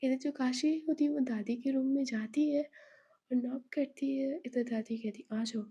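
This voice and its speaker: A woman narrating a serialized love story in a steady, hushed way. Her voice is fairly high, mellow and very breathy. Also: measured pace, dull audio.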